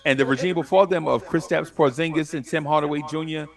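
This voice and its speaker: A man with a noticeably gravelly, fry-heavy voice settles into a loose, animated storytelling rhythm. He is a podcast guest who stumbles over restarts and slips into slang as he talks. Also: fairly high pitch, quick pace. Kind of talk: casual storytelling.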